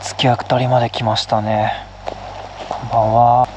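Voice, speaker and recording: A man vlogging a night ghost hunt on a mountain, muttering in a hushed, nervous way into a handheld camera, outdoors in the rain. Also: mid-range voice, level tone, normal speed. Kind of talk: ghost-hunting vlog commentary. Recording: noisy outdoor night recording.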